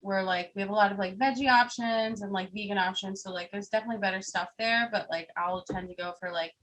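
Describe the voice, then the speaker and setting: A woman's voice: mid-range voice, steady tone, quick pace, a bit bright, low-quality recording. A young woman, chatting casually as an interview guest, laughing often and full of fillers. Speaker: singer and keyboard player, guest.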